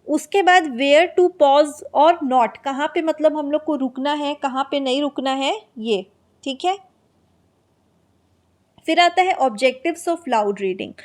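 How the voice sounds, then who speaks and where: High-voiced woman teaching in Hindi. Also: expressive. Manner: explains in Hindi, reads English notes slowly; asks and answers her own questions. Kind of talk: exam-prep lecture.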